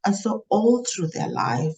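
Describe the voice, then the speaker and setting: A middle-aged woman from Tanzania talks as an author guest on a podcast. She speaks reflectively and thoughtfully, pausing with fillers as she gathers her thoughts. Her voice sits at an ordinary middle pitch. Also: huge pitch swings, vocal fry, darkish tone, rough recording. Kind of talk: podcast interview.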